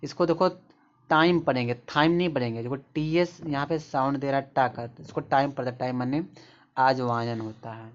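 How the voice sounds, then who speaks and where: A man's voice: mid-range voice, steady tone, fairly quick. Man teaching pronunciation, lo-fi sound. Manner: repetitive, pointing at examples. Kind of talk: explaining pronunciation rules in Hindi. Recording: dull lo-fi recording.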